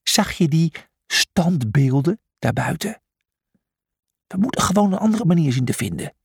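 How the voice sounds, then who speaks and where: A man's voice: on the high side, sing-song, normal speed, gravelly, slightly rough, no echo, clean studio sound, pitched above the performer's own voice, exaggerated voice. A man voicing an anxious, bossy young male donkey who scolds in a hissing voice. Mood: fretful.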